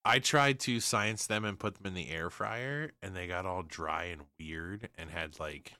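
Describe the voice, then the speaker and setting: A man with a very low voice and a bright, forceful tone, chatting on a podcast. He talks bluntly and with eagerness. The sound is close and dry. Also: unhurried, smooth, no room sound. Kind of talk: casual chat.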